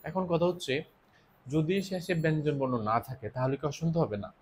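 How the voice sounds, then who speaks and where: A man's voice: on the high side, animated, a little fast, slight background noise. A man teaching an exam-prep lesson, explaining step by step, repeating key points and answering his own questions.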